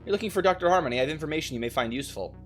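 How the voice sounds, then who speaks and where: A too-smooth, courteous research robot in a video game. It talks calmly and precisely, sitting a little above an ordinary man's pitch. A quiet music bed runs under the speech. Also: very fast. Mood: composed. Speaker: game character.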